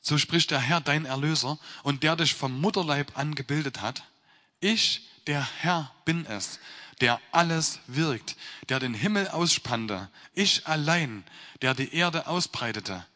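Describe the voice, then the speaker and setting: A man reads scripture aloud slowly, then explains it as a sermon, leaning hard on key words. His voice is bright and forceful. A long reverb trails behind him, as in a large hall. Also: fairly high pitch. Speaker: preacher. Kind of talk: scripture reading with sermon commentary.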